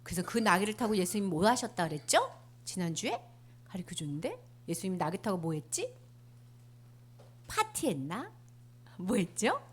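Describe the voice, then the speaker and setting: A woman telling a Bible story to children in an animated way, asking them questions as she goes. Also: mid-range voice, normal speed, long pauses, slightly rough. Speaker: children's sermon teacher.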